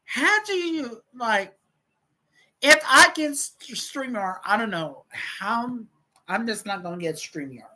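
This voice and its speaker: Animated, rambling woman streamer. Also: on the high side, takes it slowly, rough recording. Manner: rambling, repetitive and profane. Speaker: livestream host. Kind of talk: casual livestream storytelling.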